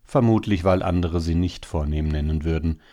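A man reading a story, speaking as a male hare who comforts his wife and talks with quiet, bitter wit. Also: deep voice, moderate pace, lightly acted. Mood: wry. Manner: soothing, wryly bitter. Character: worried, consoling male hare, wry and wise.

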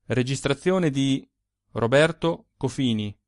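A man's voice: medium pitch, slow pace, dry recording, studio quality. A man narrating a literary short story aloud with theatrical, varied delivery. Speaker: audiobook reader.

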